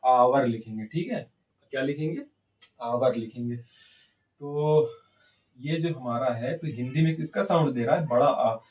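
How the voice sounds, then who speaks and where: Male grammar teacher, steady mid pitch, quiz-and-answer delivery, slightly distant mic. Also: measured pace, long pauses, lo-fi sound. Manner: asks rhetorical questions and answers them himself. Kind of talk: classroom-style grammar lesson.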